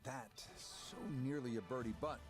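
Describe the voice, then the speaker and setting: A man giving measured play-by-play as a golf commentator in a video game broadcast style. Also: mid-range voice, music in the background, lightly acted. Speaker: golf commentator, lead announcer.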